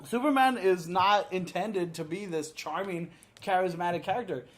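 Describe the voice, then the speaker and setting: A man's voice: sits high, normal speed. A tipsy man co-hosting a casual movie review, opinionated and swearing freely as he talks. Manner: tipsy, drunk. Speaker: drunk movie review co-host.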